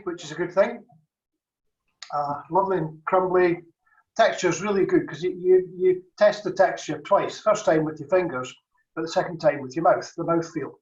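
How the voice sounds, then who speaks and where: A man, a cheese judge, thinks aloud and weighs each word in casual tasting commentary. His voice sits a little high and sounds far from the mic, in an echoey room, through dull, muffled audio. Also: a little mellow. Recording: distant, roomy, dull video-call audio.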